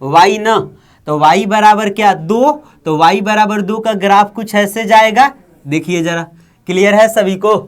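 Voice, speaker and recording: Speaking a little slowly in a high pitch, a man from India with a Bihari Hindi accent teaches maths online. His manner is repetitive and coaxing, with frequent checks on whether the class follows.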